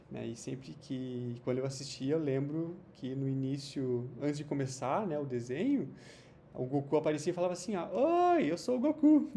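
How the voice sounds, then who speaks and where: Male teacher, mellow tone, lively pitch, patient and explanatory, faint noise behind. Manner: lively, slow drawn-out example sentences, frequent "tá?" and "né?" checks. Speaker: English teacher. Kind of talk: Portuguese-language English grammar lesson.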